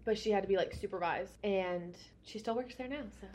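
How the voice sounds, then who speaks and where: A woman's voice: medium pitch, a little fast, darkish tone, a little hiss or hum. A young adult woman, a hairstylist and podcast co-host, chatting casually in a frank, rambling way and swearing freely. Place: United States.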